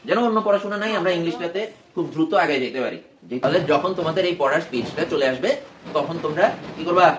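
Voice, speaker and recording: A man's voice: on the high side, lively intonation, fast. A male teacher giving a classroom lesson, patiently repeating phrases for his students. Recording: echoey classroom, faint noise.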